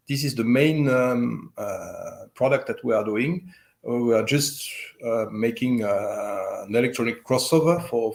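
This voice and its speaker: Hesitant man with a French accent. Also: mid-range voice. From French-speaking Switzerland. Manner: halting, many fillers and restarts. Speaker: loudspeaker company owner. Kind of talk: interview answers.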